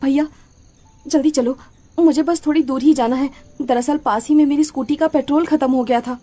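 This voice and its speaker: A woman voicing a sharp-tongued young woman. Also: high-pitched, steady tone, fairly quick, lightly acted. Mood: hurried. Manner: curt, cutting retorts. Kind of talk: dramatized horror story voice acting.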